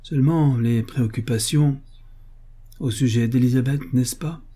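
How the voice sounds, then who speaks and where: A man's voice: medium pitch, unhurried, mellow, husky. Man reading as an earnest young soldier.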